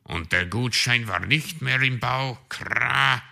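A man's voice: mid-range voice, slow, vocal fry, sharp tone, voice pushed up, full character voice. A man voicing a doubtful, grumbling male raven in a storybook read-aloud, who caws between words. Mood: skeptical. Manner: skeptical, caws "Kra".

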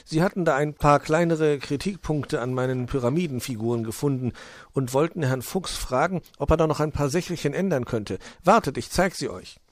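A man's voice: on the high side, brisk, no echo, voice pushed up, close to an everyday voice. Man voicing a timid little gnome. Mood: earnest. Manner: earnest, a bit sheepish. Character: timid, eager little male gnome craftsman.

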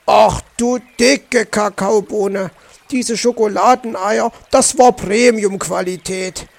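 A man's voice: sits high, slow pace, gravelly, breathy edge, heavily acted. A man voicing a grumpy, stingy male fox uncle in a children's audiobook, talking in an indignant grumble. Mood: grumbling.

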